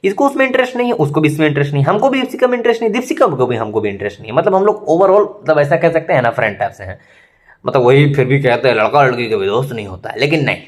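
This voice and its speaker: A young man speaking with a lilt. He runs through an old school story in a loose, chatty way, throwing in asides to his listener as he goes. His voice sits a little high for a man. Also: rapid-fire. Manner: chatty, animated retelling full of asides. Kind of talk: casual storytime vlog.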